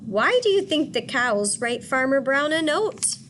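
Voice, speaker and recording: A woman teacher reading a picture book aloud and pausing to ask children questions. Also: high voice, big pitch swings, background noise. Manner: patient, asks questions for children.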